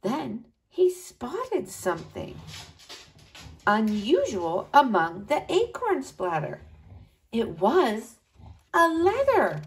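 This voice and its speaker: Very lively, high-voiced woman reading a storybook. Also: slow pace, low-quality recording. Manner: animated, addresses young listeners. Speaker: children's storybook reader. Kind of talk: expressive picture-book read-aloud.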